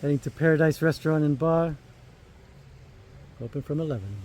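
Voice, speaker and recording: A man's voice: fairly high pitch, brisk, darkish tone. A man vlogging as he walks along a beach outdoors, upbeat and cracking jokes. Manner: upbeat, joking asides. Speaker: travel vlogger. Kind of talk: casual walking tour narration. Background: music.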